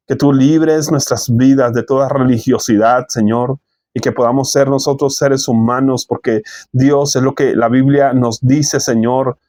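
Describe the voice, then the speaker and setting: A man leading a spoken prayer in earnest, measured phrases, often pausing to repeat "Lord" between clauses. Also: mid-range voice, darkish tone, no room sound, clean studio sound.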